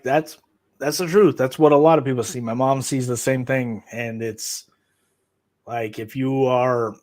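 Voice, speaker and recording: A man's voice: mid-range voice, no room sound, clean studio sound. A man talking earnestly and rambling about spiritual ideas over a video call, his audio cutting out. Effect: voice over a choppy video call, audio cutting out. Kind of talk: casual spiritual chat.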